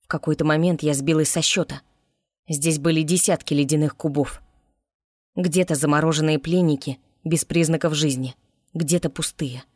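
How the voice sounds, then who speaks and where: Woman, audiobook narrator, low voice, dry close recording, expressive. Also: moderate pace, no room sound. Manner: expressive reading in first person.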